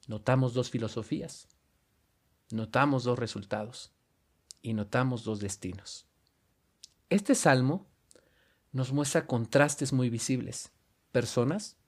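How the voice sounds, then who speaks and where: A man with a Mexican Spanish accent preaching a sermon and reading scripture aloud in an earnest, measured way with emphatic stresses. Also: mid-range voice, a little mellow.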